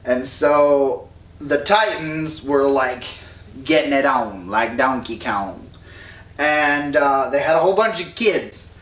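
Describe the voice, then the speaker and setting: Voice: medium pitch, slow, fairly bright tone. Tipsy rambling slangy storyteller. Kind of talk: drunken comic myth retelling. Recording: roomy echo, distant mic.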